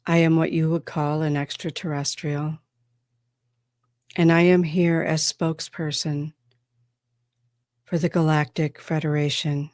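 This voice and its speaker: A woman channeling a calm extraterrestrial spokesperson from Andromeda, speaking in a measured, solemn, formal way. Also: low-pitched, no room sound, clean studio sound. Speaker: trance channeler. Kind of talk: trance channeling.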